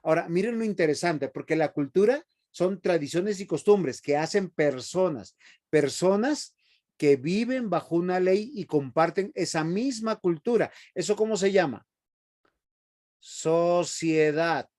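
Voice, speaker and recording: Man, seminary teacher, emphatic lecture, rhetorical questions, slightly raised pitch. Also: expressive, a little slow, darkish tone. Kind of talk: bible class lecture.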